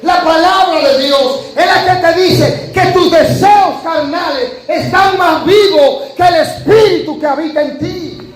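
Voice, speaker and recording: A male pastor preaching a sermon, rising to shouted emphasis and then dropping low. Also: unhurried, soft background music. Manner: preaching with sudden shouted emphasis and sharp drops. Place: church hall. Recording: echoey church hall, faint noise.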